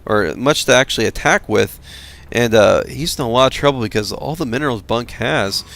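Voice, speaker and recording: A man giving casual commentary on a strategy game replay, tired and halting, with many fillers. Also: medium pitch, gravelly, a bit bright. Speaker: game caster.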